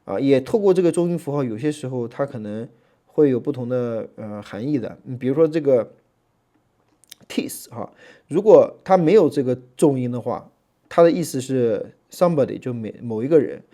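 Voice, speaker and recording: This Greek lesson comes from a man with a mid-range voice who lectures casually. Fillers crop up often, and he deliberately slows to spell out the letters and their sounds.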